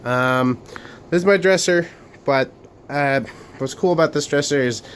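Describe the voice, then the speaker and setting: A young man with a slightly high voice gives a casual room tour of his bedroom studio for his Lego channel. He's coming down with a cold and talks haltingly, full of fillers and restarts, with a little background noise.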